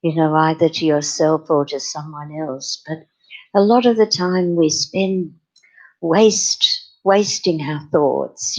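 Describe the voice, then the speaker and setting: A woman giving a gentle spiritual talk as a meditation teacher, soft and unhurried. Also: lowish voice, poor audio.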